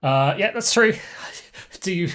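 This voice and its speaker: A man's voice: sits high, lively intonation, slow pace, fairly bright tone. A man casually commentating on his live game stream, rambling with wry, chuckling asides.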